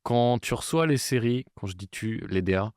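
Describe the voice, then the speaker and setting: A man's voice: medium pitch, expressive, normal speed, darkish tone, smooth, no echo, clean studio sound. A man hosting a casual interview, talking through his thoughts with many fillers and restarts. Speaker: podcast host.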